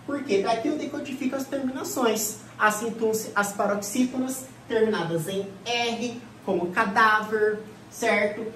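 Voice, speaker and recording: A woman teaching a grammar class for an exam, who asks the class questions and answers them herself in a lively way. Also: fairly high pitch, a little slow, a little hiss or hum. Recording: echoey room, voice from far off.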